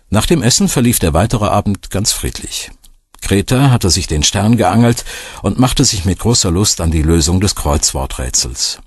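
Deep, husky male audiobook narrator. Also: no room sound, clean studio sound. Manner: wry, expressive storytelling. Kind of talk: scripted narration.

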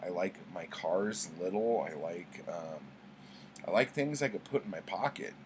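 Speaking at a measured pace in a fairly low, darkish voice, a middle-aged man chats expressively as a book vlogger in a small home room with bookshelves. His rambling stories are conversational and packed with slang and profanity, and the webcam audio carries faint background noise.

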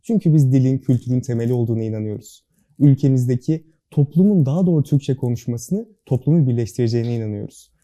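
A young man with a very dark, mellow voice, rattling off earnest interview answers at a brisk pace. His diction is careful and precise, and his manner stays formal and serious throughout. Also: medium pitch. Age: young adult. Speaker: student club board member, guest.

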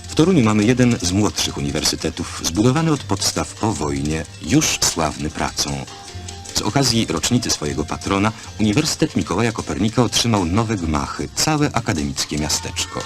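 Old newsreel guy, deep voice, swings up and down a lot, formal and solemn. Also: sing-song, brisk. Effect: old newsreel narration over music. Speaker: newsreel narrator. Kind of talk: scripted newsreel narration. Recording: archive film soundtrack with loud music behind. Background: music.

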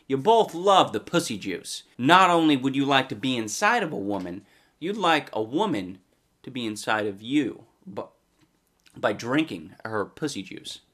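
A man's voice: medium pitch, sing-song, moderate pace, a bit bright. A young man hosting a comedy commentary video, talking in a crude, mocking way and sliding into goofy voices. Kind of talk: sarcastic commentary.

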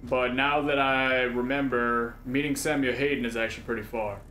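A man's voice: mid-range voice, fairly even intonation, normal speed, sharp tone, faint music behind. A young man playing a game and chatting casually in short, offhand, sweary remarks. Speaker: gamer playing and commenting. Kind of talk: casual gameplay chat. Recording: echoey with faint game noise.

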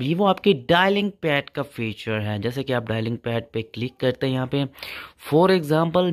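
A young man hosts a tech channel in a casual phone tutorial, walking through the features step by step while leaning heavily on the same filler phrases. His voice is medium in pitch, with a clean studio sound and no echo.

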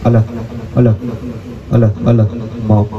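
A man doing a mic check, his voice heard through a karaoke amplifier's loudspeakers with echo. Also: mid-range voice, highs cut off, background noise. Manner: slow flat mic-check counting. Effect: heard over a karaoke amplifier's loudspeakers with echo. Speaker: audio equipment seller.

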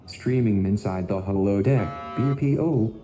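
A man's voice: lowish voice, a little slow, music in the background, natural voice. A man voicing a bossy facility AI. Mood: announcing. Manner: announcer-like, drops casual slang. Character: slangy, bossy male facility AI system. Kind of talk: fan-animation voice acting.

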